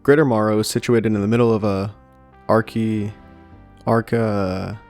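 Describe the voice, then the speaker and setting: A young man narrates a video game review from a script at his home mic, steady and dry with the odd light joke. His voice sits low. Soft music plays beneath him. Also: fast talker. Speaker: gaming YouTuber. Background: soft background music.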